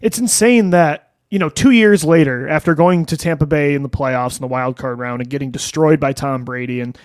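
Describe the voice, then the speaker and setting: A man's voice: on the high side, a little fast, no room sound. A man hosting a sports podcast, talking in an incredulous, conversational way. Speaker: podcast host. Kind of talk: casual sports chat.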